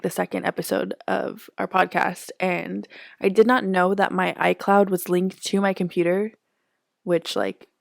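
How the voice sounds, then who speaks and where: A young woman co-hosting a podcast in casual chat, talkative, full of "like" and quick laughs. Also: on the low side, creaky, no echo, clean studio sound. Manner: chatty, fillers like "like", laughs often. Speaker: podcast co-host.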